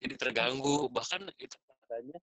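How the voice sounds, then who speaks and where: A man asking a question in an online meeting, his voice breaking up over a choppy video call and coming across hesitant and halting. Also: mid-range voice, a bit bright, no room sound. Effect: choppy video-call audio, voice breaking up. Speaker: webinar participant asking a question.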